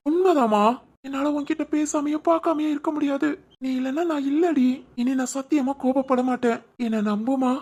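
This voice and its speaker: A voice actor playing a remorseful young husband in an animated family drama, speaking with a Tirunelveli Tamil accent and pleading apologetically. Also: sits high, brisk.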